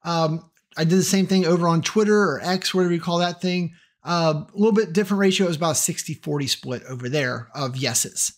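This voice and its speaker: Chatty high-voiced man explaining tech. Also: brisk, few pauses. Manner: chatty, opinionated, self-deprecating asides. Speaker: tech trainer. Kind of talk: casual tutorial talk to camera.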